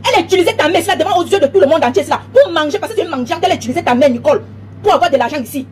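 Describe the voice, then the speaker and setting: A woman's voice: sits high, lively intonation, rapid-fire, darkish tone, a little hiss or hum. Woman, commentator type, fires off a taunting rant at breakneck speed, keeps hammering the same points. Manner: emphatic, repetitive, taunting, frequent "hein?". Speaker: online commentator. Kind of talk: heated direct-address monologue.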